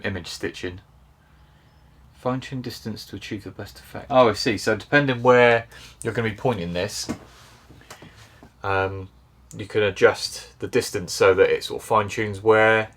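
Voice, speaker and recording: A man casually reviewing a camera on his boat, easygoing and thinking aloud as he goes. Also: fairly low pitch. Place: on and around a canal boat.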